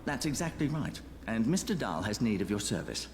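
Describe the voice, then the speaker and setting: Polite, secretive male go-between, game role. Formal, animated melody, mid pitch, slight noise. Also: brisk. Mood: courteous, secretive. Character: courteous, secretive male go-between, gravely important.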